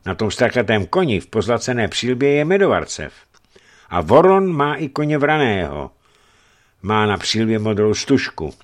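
A man's voice: fairly low pitch, big pitch swings, voice pushed up. A man voicing a tall, red-bearded male merchant who jokes and bullies his way past a guard. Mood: bantering. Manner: joking, brash.

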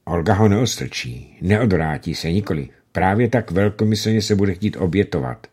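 A man reading a novel aloud in a calm, measured storytelling manner, voicing a letter and the narration around it. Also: low-pitched, husky.

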